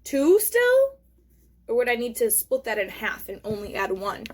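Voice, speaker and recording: Female kids show host, higher register, speaks straight to young viewers, casual step-by-step craft demo, encouraging. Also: huge pitch swings, normal speed, a little mellow. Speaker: host of a children's craft lesson. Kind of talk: hands-on craft demonstration, casual narration.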